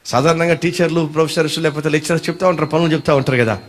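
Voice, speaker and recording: A male pastor preaching a sermon, animated and firing questions at his congregation. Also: on the high side, very fast.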